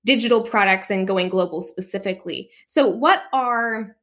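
A woman's voice: mid-range voice, normal speed, fairly bright tone. A woman hosting a podcast, giving upbeat introductions and asking questions. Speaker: podcast host. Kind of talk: interview.

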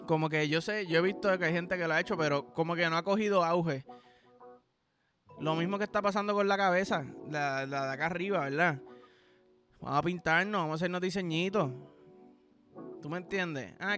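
Podcast host: Puerto Rican man, high voice, profane joking rambler, music bed underneath. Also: a bit bright. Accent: Puerto Rican Spanish. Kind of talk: crude comedic podcast monologue.

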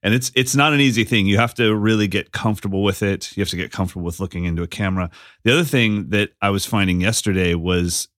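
A man co-hosting a podcast in casual chat, an animated storyteller who acts out the lines he quotes. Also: fairly low pitch, quick pace, dry recording, studio quality. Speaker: podcast co-host.

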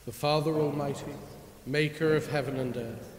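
A man formally reciting a creed at a measured pace in a church service, with cathedral echo around his voice. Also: on the high side, steady tone. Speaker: worship leader. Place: large reverberant church, indoors. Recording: cathedral echo, long reverb, hiss.

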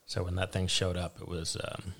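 A man, a vegetable farmer, answering interview questions in a relaxed, hesitant way with many fillers and restarts. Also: low voice, moderate pace, gravelly.

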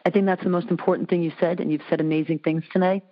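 Woman host, animated storyteller, low-pitched, dull lo-fi sound. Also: quick pace. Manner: animated storyteller, jumps into high voices for quotes. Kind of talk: casual interview chat.

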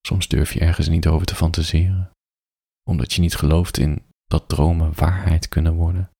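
Here a man's flat, low voice, husky and breathy with a gravelly fry, carries an adult bedtime story at a normal pace. The delivery is soft and intimate and frequently sinks into a whisper, captured in a close, completely dry recording.

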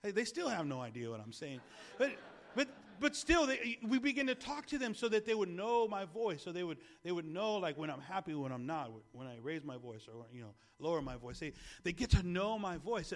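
Male pastor, 30s, high voice with gravel, loose conversational preaching, prompts call-and-response. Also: animated, a little fast. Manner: conversational preaching with repeated restarts; calls the congregation to repeat words. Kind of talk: sermon.

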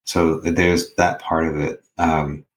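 A man's voice: extremely low pitch, level tone, slow pace, rough recording. A man speaking as a podcast guest, thoughtfully sharing personal reflections and often checking for agreement. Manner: thoughtful, tag questions seeking agreement.

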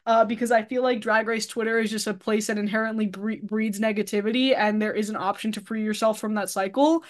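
A woman's voice: mid-range voice, fairly even intonation, fairly quick. A woman speaking as a podcast guest, rambling in a blunt, self-deprecating way with lots of fillers. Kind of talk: casual podcast chat.

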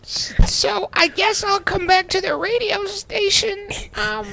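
A woman acts out a frail, weary female patient in an improvised comedy skit. Her voice is extremely high and heavily creaky, with a bright, strained edge. She stammers and hesitates reluctantly over faint noise. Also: fairly even intonation, measured pace, exaggerated voice, rough recording. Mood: resigned.

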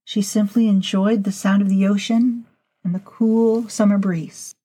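A woman voicing a centuries-old female vampire historian who talks in a slow, formal, lecturing way to her initiates. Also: medium pitch, fairly even intonation, warm tone, lightly acted, poor audio. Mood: storytelling. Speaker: narrator of a vampire storytelling podcast. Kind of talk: scripted audio fiction monologue.

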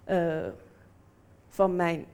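A woman's voice: fairly low pitch, extremely slow, clean tone. A woman in her twenties telling a personal story and acting out the people in it. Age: 20s. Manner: lively, acts out quoted voices.

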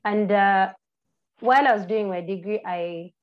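A young woman in her twenties with a Ugandan accent, a podcast guest who answers questions in a friendly, halting way with many restarts. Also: medium pitch. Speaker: podcast guest, birding tour guide. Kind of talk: casual interview answers. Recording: slightly muffled lo-fi audio.

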